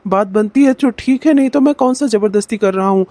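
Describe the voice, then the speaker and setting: Role: earnest son in a cartoon. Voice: a man playing a calm, reassuring young man, mellow and dry. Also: sits high, a little fast, dry recording. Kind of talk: cartoon voice acting.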